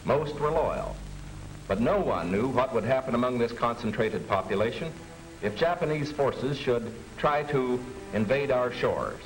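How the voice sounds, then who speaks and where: A man narrating a 1940s government film in a measured, authoritative way. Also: mid-range voice, animated, soft background music, low-quality recording.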